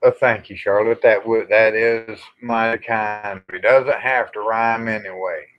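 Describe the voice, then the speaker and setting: Speaking a little slowly in a lowish, steady voice, this middle-aged livestream host rambles through a casual chat with folksy, salty-tongued charm. The sound is dull lo-fi livestream audio.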